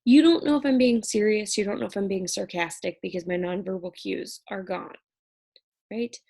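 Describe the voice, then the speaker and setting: A woman's voice: mid-range voice, moderate pace, gravelly, warm tone, husky. A woman instructor talking through an exam review lecture in a conversational way, checking in often with "right?".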